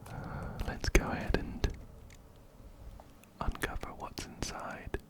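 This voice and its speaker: Slowly and breathily, this man whispers near a binaural mic while playing a video game for ASMR. His commentary is soothing, with phrases gently repeated.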